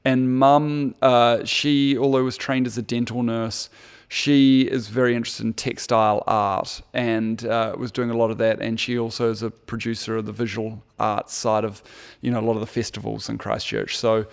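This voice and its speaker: Gravelly New Zealand man reminiscing. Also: mid-range voice, level tone, normal speed. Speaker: interview guest. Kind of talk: casual chat.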